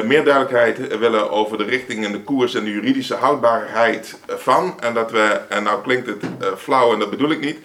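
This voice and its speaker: A man answering questions in a council meeting, explaining in a measured, slightly halting way. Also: mid-range voice, a bit bright. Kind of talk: formal meeting reply.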